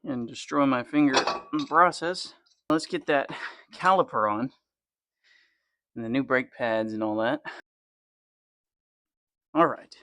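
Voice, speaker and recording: A man's voice: medium pitch, a little slow, pauses often, noisy background. A young man casually narrating a car repair in his garage, swearing and muttering to himself as he works. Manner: swears freely, muttering and complaining while wrenching. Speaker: garage channel host. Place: home garage.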